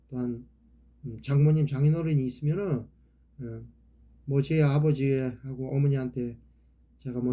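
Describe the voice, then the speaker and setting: Chungcheong accent guy rambling like a sermon, says ye every few words, soft mellow tone. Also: mid-range voice. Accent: Chungcheong Korean. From Chungcheong, South Korea. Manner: rambling, peppers speech with "ye" filler. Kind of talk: casual preaching talk.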